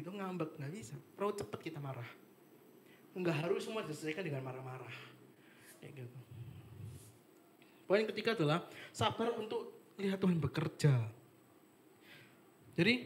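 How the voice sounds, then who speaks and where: A young man giving a casual devotional talk, chatty and animated, with lots of fillers. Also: sits high, slight background noise. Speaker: devotional speaker. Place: apartment meeting room with live and online audience.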